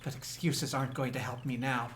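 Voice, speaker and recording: Streamer playing a self-hating child reading a diary; bitter and intense over quiet game music. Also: medium pitch, flat delivery, brisk, close to an everyday voice. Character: self-hating child desperate to please father. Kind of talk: reading a diary entry aloud in character.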